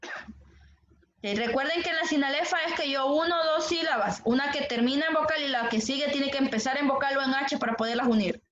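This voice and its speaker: High-voiced teacher in an echoey classroom. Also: female voice, a little fast, fairly bright tone. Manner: patient, asks the class questions and repeats answers. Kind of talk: classroom lesson on poetic meter. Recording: echoey classroom, dull lo-fi sound.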